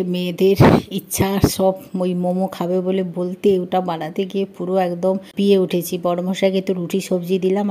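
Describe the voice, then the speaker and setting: A middle-aged housewife and vlogger with a Bengali accent narrates a casual cooking vlog from her home kitchen, talking to viewers as if they were friends. Her voice is fairly low-pitched with a dark tone.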